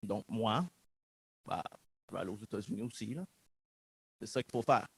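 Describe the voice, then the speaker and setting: His voice is lowish, creaky, and slightly rough, moving at a normal speed in a dry recording. The man, a guest speaker in his thirties from Montreal with a Québécois French accent, gives an earnest, reflective public talk about his own story and acts out dialogue from memory.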